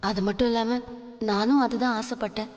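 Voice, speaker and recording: A woman's voice: fairly high pitch, fairly even intonation, fairly quick, a little mellow, big-room sound, dull audio, lightly acted. A young woman voicing an earnest, emotional daughter who speaks in a pleading, reproachful way in a dubbed TV serial. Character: young daughter, hurt and earnest, longing for a father. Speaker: dubbing actress. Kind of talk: Tamil TV serial dub. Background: serial background music.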